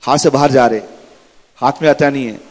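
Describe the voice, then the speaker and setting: A man's voice: mid-range voice, fairly even intonation, brisk. A man giving a sermon in a temple hall, telling stories with acted-out dialogue. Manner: dramatic storytelling with acted-out dialogue. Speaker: preacher.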